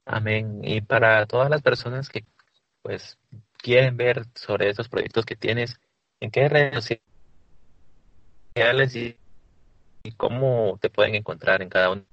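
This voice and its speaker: A man hosting an interview who asks questions in a measured, formal way. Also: medium pitch, a bit bright, dry recording, muffled recording. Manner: measured and formal, says amen.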